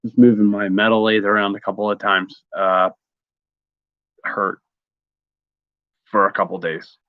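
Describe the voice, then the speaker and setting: A man's voice: on the low side, level tone, unhurried, clear, resonant tone, no room sound. Laid-back guy chatting on a live stream, jokey, lo-fi dull audio. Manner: easygoing and joking, with many fillers. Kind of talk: casual live stream chat.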